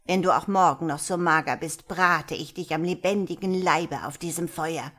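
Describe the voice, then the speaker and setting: Croaky old witch, mean and greedy, slow and loud, a woman reading her out in a storybook. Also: sits low, flat delivery. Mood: shrieking, threatening. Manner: croaking, shrieking threats. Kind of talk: audiobook reading.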